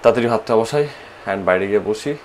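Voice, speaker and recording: A man with a Bengali accent vlogging at home, talking slowly and softly to save energy, tired from a fast, dropping English phrases into his speech. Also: on the low side, slight background noise. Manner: slow, soft-spoken, mixing English phrases into speech. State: tired and low on energy from fasting. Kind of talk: casual vlog narration. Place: home, indoors.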